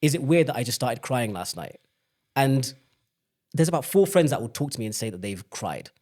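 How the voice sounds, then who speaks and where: A man's voice: mid-range voice, big pitch swings, moderate pace, a little mellow. A young man from the UK speaking as a podcast guest, telling personal stories in an open, reflective way. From United Kingdom. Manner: open, reflective storytelling with many restarts. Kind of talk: candid personal conversation.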